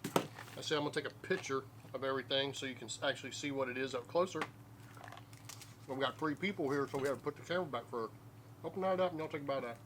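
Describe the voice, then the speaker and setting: A man's voice: medium pitch, fast talker, fairly bright tone. Middle-aged Southern US man, folksy snack-review host, mid-range voice, munching as he chats, some noise behind. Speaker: host of a family snack taste-test video. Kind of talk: casual chat while tasting snacks. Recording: noticeable background noise.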